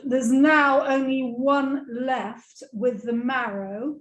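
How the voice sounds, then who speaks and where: A woman's voice: high voice, fairly even intonation, slow, highs cut off. A woman translating and co-presenting in an enthusiastic, chatty way on a video call, repeating and restating what is said. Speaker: interpreter and co-presenter. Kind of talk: casual chat, translating. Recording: echoey room over a video call.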